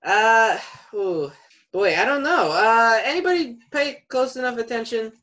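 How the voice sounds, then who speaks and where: A woman's voice: on the high side, lively intonation, a little slow, fairly bright tone. A woman playing a tabletop game, improvising in character as casual chat, with a chatty, opinionated way of explaining.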